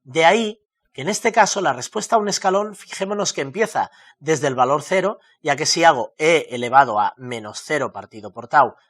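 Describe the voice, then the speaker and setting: Male lecturer from Spain, voice on the higher side, patient and emphatic, walking students through slides. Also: expressive, fairly quick, a bit bright. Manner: explanatory, emphatic on key words. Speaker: university lecturer. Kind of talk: recorded lecture over slides.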